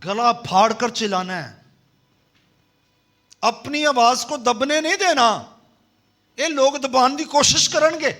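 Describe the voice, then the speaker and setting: A man preaching a sermon, leading the congregation in call-and-response and swinging between loud emphasis and soft low passages. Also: slow pace, long pauses. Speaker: pastor.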